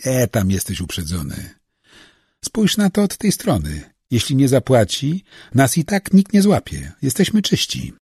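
A man's voice: medium pitch, wildly swooping pitch, measured pace, darkish tone, husky, no echo, clean studio sound, voice pushed up, full character voice. A man doing a smug, cocky kidnapper.

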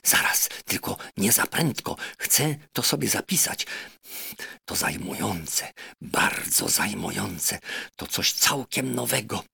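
A man voicing a gentle, curious middle-aged doctor with a mild, earnest manner, in a storybook reading. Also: fairly low pitch, animated, slow pace, vocal fry, slightly rough, no room sound, heavily acted.

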